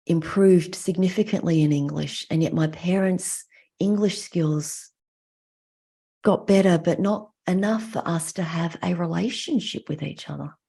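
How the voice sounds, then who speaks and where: A middle-aged Australian woman, a mental health clinician, gives a reflective prepared talk with personal stories. Her lowish voice is mellow and slightly rough, and she speaks in measured, deliberate phrases with pauses.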